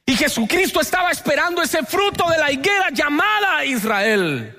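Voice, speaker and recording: This pastor from Colombia, with a Colombian Spanish accent and a very high voice, delivers a lively sermon at a moderate pace while the congregation repeats lines after him.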